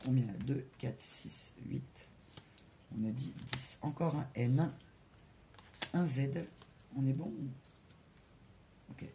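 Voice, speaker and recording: A French-speaking card reader giving a spiritual guidance reading, talking slowly with many hesitations and asides to spirit guides. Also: mid-range voice, warm tone, slight background noise. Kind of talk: tarot-style guidance reading to camera.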